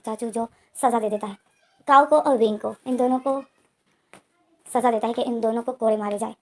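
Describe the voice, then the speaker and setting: Woman retelling a story, high voice, talks super fast, run-on sentences. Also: a little mellow. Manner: run-on retelling, repeats names. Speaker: story narrator. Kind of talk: storytelling recap narration.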